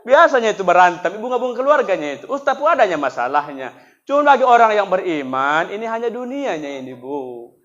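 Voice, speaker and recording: A man preaching a comic sermon at a religious festival, swinging between loud preaching and soft asides. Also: high voice, sing-song, a little fast. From North Sumatra. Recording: dull lo-fi sound.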